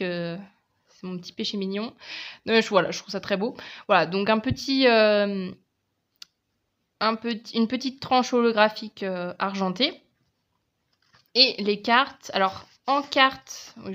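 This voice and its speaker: Here a French-accented woman who reviews tarot and oracle cards presents her decks in a relaxed, talkative video, often pausing and starting her sentences over. She speaks at a medium pitch with a fairly bright tone.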